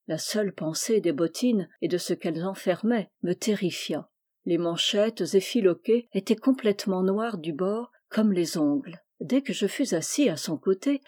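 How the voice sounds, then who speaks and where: Woman narrator, audiobook reading, measured and expressive, mellow dark tone, mid pitch. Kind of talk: audiobook reading of a classic short story.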